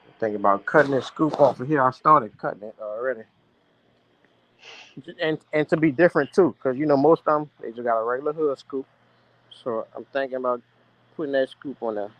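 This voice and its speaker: A man in a casual car chat, easygoing and halting, often restarting his words. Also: mid-range voice, highs cut off.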